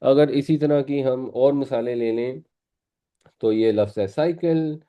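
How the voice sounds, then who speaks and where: A man gives a classroom lesson, explaining each point patiently and repeating words for his students. His mid-pitched voice is mellow and warm. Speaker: Quran teacher.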